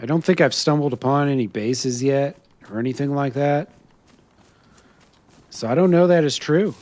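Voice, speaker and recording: Speaking at a moderate pace with no echo, a man streams a survival game and role-plays a character while chatting with viewers. He's chatty, laughs frequently, and his pitch swings in a lively way.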